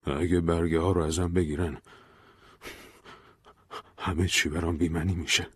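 A paranoid young man who talks urgently and secretively, as a storyteller plays him. He has a low, husky voice, recorded dry and close. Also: little pitch movement, no echo. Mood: urgent worried.

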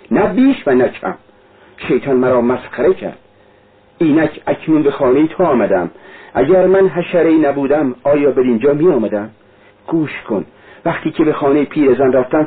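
Man doing a tormented young man, agitated, husky, lo-fi radio sound. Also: medium pitch, pitched above the performer's own voice. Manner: intense, agitated, raised voice.

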